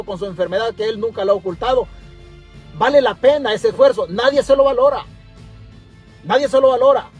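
A man's voice: sits high, darkish tone. A Salvadoran man ranting passionately from his car during a livestream, repeating himself for emphasis. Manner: impassioned, repetitive, preachy. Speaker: political commentator. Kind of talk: livestream rant.

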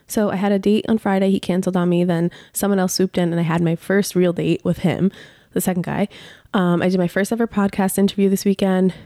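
A woman's voice: fairly low pitch, steady tone, a little fast, dark tone, no room sound, clean studio sound. A woman in her thirties hosting a podcast in casual, candid chat, sounding congested from a cold. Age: 30s. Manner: chatty and candid, laughing now and then. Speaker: podcast host.

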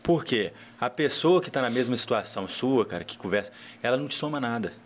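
A guest entrepreneur chats casually on a podcast, telling stories animatedly and dropping the filler "cara" frequently, along with lots of other fillers. His medium-pitched voice is fairly quick, with slight background noise.

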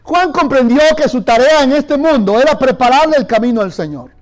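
Very high-voiced male pastor preaching. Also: expressive, a little fast. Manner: leads the congregation in call-and-response; storytelling, addressing the church directly. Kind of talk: sermon.

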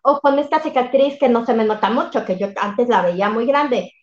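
A high-pitched woman talks reflectively and with emphasis, often affirming what she hears. Her voice carries a roomy echo, and the recording sounds somewhat dull and lo-fi. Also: moderate pace. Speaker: workshop facilitator and coach. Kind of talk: casual conversation.

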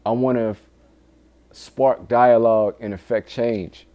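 A man's voice: mid-range voice, steady tone, measured pace, mellow. A man speaking casually and candidly in a solo podcast monologue, swearing often and earnestly pleading with listeners in urgent warnings. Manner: informal, frequent swearing. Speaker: podcast host.

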